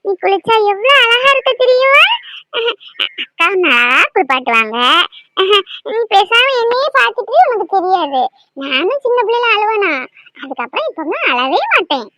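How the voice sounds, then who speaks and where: A woman's voice: extremely high pitch, very animated, normal speed, sharp tone, dry recording, full character voice. Selvi, a naive sweet girl. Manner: innocent, questioning. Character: naive young girl helper, sweet and curious.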